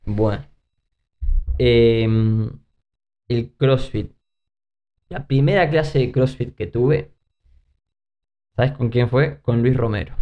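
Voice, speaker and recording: A Uruguayan man telling lively anecdotes as a podcast guest, acting out other people's lines. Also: medium pitch, slow, pauses often. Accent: Uruguayan Spanish. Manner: animated anecdotes with acted-out quotes, frequent fillers. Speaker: guest, former gymnast. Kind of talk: casual interview storytelling. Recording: muffled lo-fi podcast audio.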